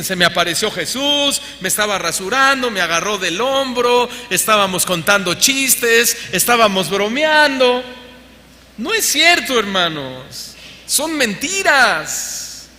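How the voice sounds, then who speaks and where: A Mexican man preaching in a church hall, his high, strikingly bright voice ringing out with a long reverb. Faint noise hums behind him as he questions the congregation and mimics others in exaggerated tones. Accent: Mexican Spanish. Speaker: pastor. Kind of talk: sermon.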